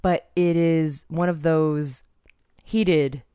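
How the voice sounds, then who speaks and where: A woman's voice: deep voice, steady tone, drawn-out words, dark tone, clean tone, dry recording, studio quality. A woman co-hosting a podcast in casual chat, with a wry, teasing manner. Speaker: podcast co-host.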